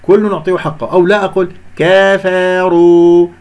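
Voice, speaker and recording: A man with a slightly high voice teaches Quran recitation. He goes through the text letter by letter, drawing out sounds slowly as he demonstrates them and warning his students against common mistakes. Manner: explains letter by letter, repeats sounds slowly, corrects errors. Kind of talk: recitation lesson with slow demonstrations.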